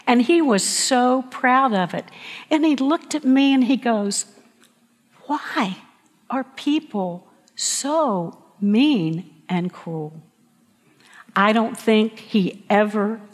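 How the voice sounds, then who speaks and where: A woman pastor preaching a sermon, telling stories slowly and emphatically with dramatic pauses. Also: medium pitch. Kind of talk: sermon storytelling. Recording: long reverb of a large hall.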